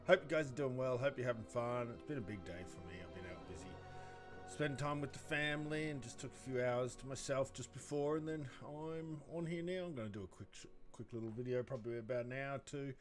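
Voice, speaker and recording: An Australian man hosts a casual gaming stream in a mid-pitched voice. He talks in a laid-back, chummy way with the odd mild swear. Music plays clearly behind him. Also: a little fast. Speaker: live streamer.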